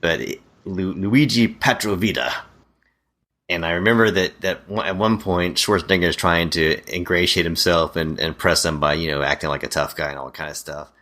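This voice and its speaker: A man's voice: low-pitched, steady tone, normal speed, pushed and bright. A man co-hosting a podcast, chatting casually and animatedly, retelling scenes and quoting lines. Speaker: podcast co-host. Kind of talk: casual chat about bad movies.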